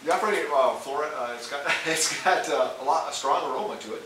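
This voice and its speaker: A man co-hosting a beer review show, chatting casually in a halting, jokey way, recorded off-mic in an echoey room. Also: a little high, recorded from a distance, noisy background. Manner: halting, jokey, tries a bad Irish accent. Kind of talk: casual chat.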